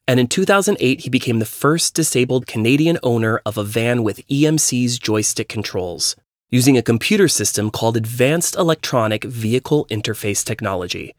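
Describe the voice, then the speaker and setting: Male narrator for a reflective personal essay, mid pitch, measured delivery, dry close recording. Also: dry recording.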